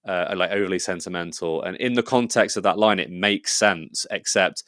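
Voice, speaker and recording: A very low-pitched English man chatting as a podcast guest, his voice smooth and resonant. He rambles eagerly, full of fillers and restarts, and the sound is close and dry with no room around it. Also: moderate pace, fairly bright tone, no room sound. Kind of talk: casual conversational interview.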